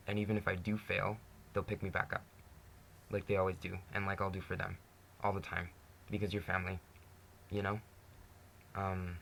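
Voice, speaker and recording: Young male vlogger, deep voice with heavy fry, earnest and candid, faint hiss behind. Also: bright, forceful tone. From Canada. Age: 20s. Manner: earnest, candid, says "you know" constantly, laughs often. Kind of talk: personal monologue to camera.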